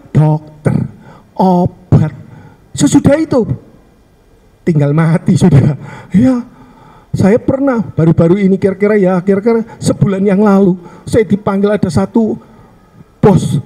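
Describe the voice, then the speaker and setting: A man with a Surabaya Javanese accent preaches a funeral sermon through a string of humorous stories. His voice is high, mellow and husky. He keeps addressing the congregation as "saudara". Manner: humorous storytelling, often adds "saudara". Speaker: pastor.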